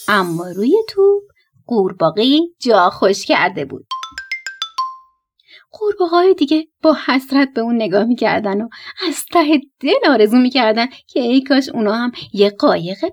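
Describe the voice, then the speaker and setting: A woman narrating a bedtime story for children in an animated, playful way. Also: on the high side, breathy edge. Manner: animated, playful, breaking into laughter.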